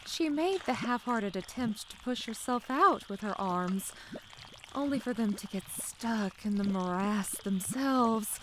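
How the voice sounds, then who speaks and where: A woman whose voice sits on the high side performs a dramatic, scripted narration for a comic dub. There's a little hiss or hum, while bubbling mud murmurs faintly behind her and gooey quicksand effects play.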